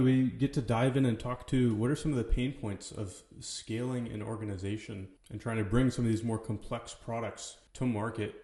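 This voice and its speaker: A man with a mellow, lowish voice hosts a podcast, where he's also a company co-founder. He talks with casual, slangy enthusiasm through both the introductions and the conversation. The recording sounds roomy and echoey.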